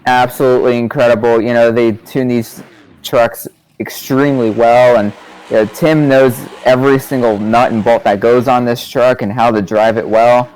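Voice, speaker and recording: A man at an average pitch does laid-back color commentary on a monster truck event. He talks loosely, peppers his remarks with casual fillers, and hands out judge's scores. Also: normal speed. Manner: relaxed, easygoing, says "you know" often.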